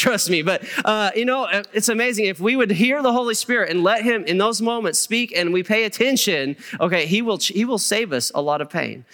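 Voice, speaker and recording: A man's voice: high-pitched, sharp tone, clean tone. A middle-aged man preaching a sermon with personal stories, in a conversational way, often checking in with "okay?". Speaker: pastor. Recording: reverberant hall.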